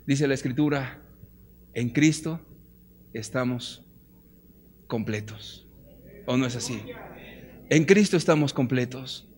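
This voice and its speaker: A man with a Mexican Spanish accent preaching a fervent sermon, firing rhetorical questions and swinging from loud appeals to hushed, quiet lines. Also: mid-range voice, slow, long pauses, slight background noise. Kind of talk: impassioned sermon. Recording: long hall reverb.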